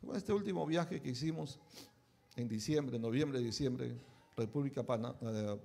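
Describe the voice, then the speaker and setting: A man's voice: mid-range voice, a little slow, gravelly, warm tone. A pastor preaching a conversational sermon, often checking in with his listeners with short tag questions.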